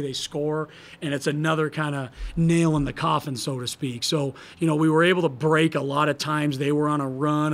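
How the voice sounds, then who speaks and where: A man in his thirties with a fairly high voice, speaking into a table microphone in a press room. He answers post-game questions frankly and thinks aloud, restarting sentences and gesturing broadly as he talks. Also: fairly bright tone. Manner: gestures broadly while talking. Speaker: head basketball coach. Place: press room in front of a logo backdrop.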